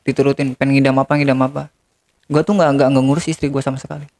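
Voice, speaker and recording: A man's voice: medium pitch, level tone, fast, a little mellow. A man, telling a regretful confession as an interview guest and often turning to the host. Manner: regretful, keeps addressing the host as "Bang". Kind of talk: confessional storytelling.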